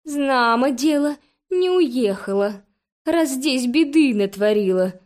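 A woman's voice: sits high, expressive, a little mellow. A woman voicing a sly, lazy, cowardly male house cat who drags out his words in a whine. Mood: whining. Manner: drawn-out whining and pleading.

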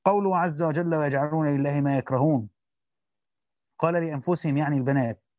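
A man with an Egyptian accent reads a Quran commentary aloud quickly as a teacher. He stops to explain grammar and quizzes his students. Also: a little high, darkish tone, no room sound. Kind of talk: fast classical Arabic reading with colloquial explanations. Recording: dull lo-fi dry recording.

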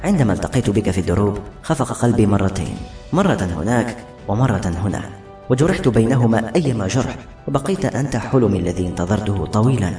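A man voicing a gentle young princess in love, speaking in a soft, raised, pleading voice in an audiobook. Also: fairly low pitch, expressive, fast, close to an everyday voice. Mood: tearful. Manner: tender, pleading. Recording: roomy with faint music.

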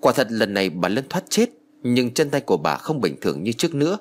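A man narrating a ghost story in an expressive, dramatic reading. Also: mid-range voice, fairly quick. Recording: music bed under voice. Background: background music.

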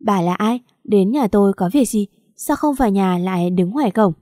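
In a storybook audio drama, a gray-haired older father scolds in quick, stern bursts, as a woman narrator puts him on. The tone stays mellow and the sound is dry and close. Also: medium pitch, lively intonation, no echo, natural voice. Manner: stern, hurried, reproachful.

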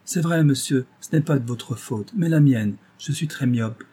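Gentle young blind piano teacher girl, man doing her voice, soft and sorry-sounding, mellow and a bit husky. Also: mid-range voice, a little slow, voice pushed up. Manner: soft, apologetic.

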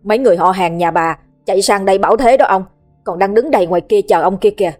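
A woman voicing a jittery young male servant who stammers and rushes his words. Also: medium pitch, darkish tone, soft background music, lightly acted. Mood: panicked. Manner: hurried, stammering.

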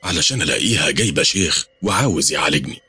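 A man with an Egyptian accent narrating a first-person horror story, telling it fast and lively. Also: rumbling low, slightly rough, dry recording, faint music behind. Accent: Egyptian Arabic.

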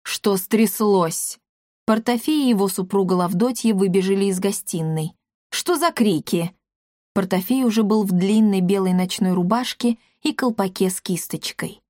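Female audiobook narrator, lively storytelling, mid-range voice, dry booth sound. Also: mid-range voice, a little fast, hardly any pauses, dry recording.

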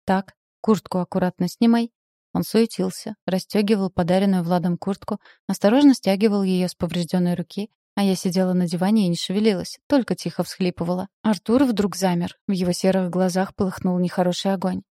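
A woman reading a first-person novel aloud in a steady, emotive way. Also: lowish voice, fairly quick, few pauses, no echo, studio quality. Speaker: audiobook narrator. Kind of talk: scripted narration.

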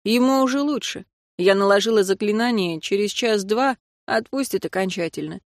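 A woman's voice: medium pitch, normal speed, no room sound, clean studio sound, close to an everyday voice. A woman reading a stern, bossy sister healer. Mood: stern, firm. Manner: firm, scolding.

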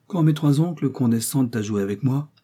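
Man reading as modest young girl, gentle, slightly husky, audiobook. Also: mid-range voice, brisk, pitched above the performer's own voice, natural voice. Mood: polite.

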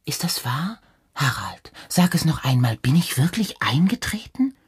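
A man voicing a wistful, restless young woman in a hushed, half-whispered way, in a radio reading. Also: a little high, very animated, a little slow, slightly rough, pitched above the performer's own voice, heavily acted. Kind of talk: audiobook reading.

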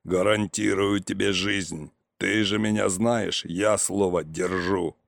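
A man voicing a deep-voiced, reproachful male officer who talks slowly in a storybook reading. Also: fairly even intonation, gravelly, no room sound, full character voice.

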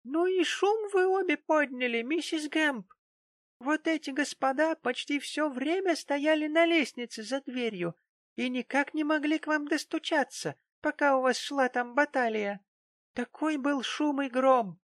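Мужчина-чтец озвучивает маленького суетливого цирюльника, взволнованного и болтливого. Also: male voice, very high-pitched, a little slow, a bit bright, dry recording, voice pushed up. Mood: flustered. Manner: fussy, chattering. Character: little fussy male barber, flustered.

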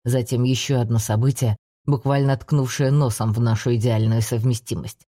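A woman voicing a male necromancer professor, speaking in a soft, slow, coaxing way. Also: a bass voice, fairly even intonation, dry recording, studio quality, voice pushed down. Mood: tender.

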